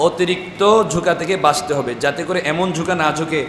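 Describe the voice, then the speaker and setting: A man's voice: fairly high pitch, steady tone, fast, fairly bright tone. Man teaching tajweed in an echoey hall. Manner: drills students with repeated questions and chanted syllables. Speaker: Quran recitation teacher. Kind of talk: classroom tajweed lesson. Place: large echoey madrasa classroom with students. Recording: echoey hall with noisy class.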